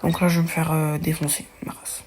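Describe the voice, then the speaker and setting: A woman's voice: deep voice, monotone, a little fast, a little mellow. Chatty young woman playing a card game. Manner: chatty, thinks aloud, slangy, self-correcting. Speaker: gaming video creator. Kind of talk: casual let's-play commentary. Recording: faint music behind.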